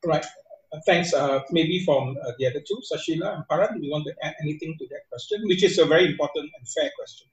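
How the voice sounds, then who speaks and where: A male moderator runs a webinar, teasing the panelists and hesitating with fillers. His fairly high voice sounds distant, with a roomy echo. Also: quick pace, lo-fi sound. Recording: roomy, distant video call mic.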